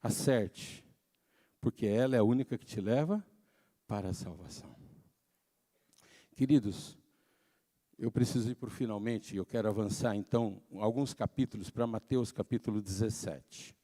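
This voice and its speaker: A man preaching a sermon as pastor, telling a story in an animated way that swings from soft to shouting. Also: lowish voice, moderate pace, long pauses. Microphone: handheld microphone.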